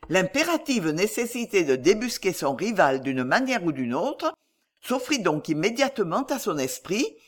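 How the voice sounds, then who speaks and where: A woman narrating a classic novel as an audiobook in a measured, expressive way. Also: on the low side.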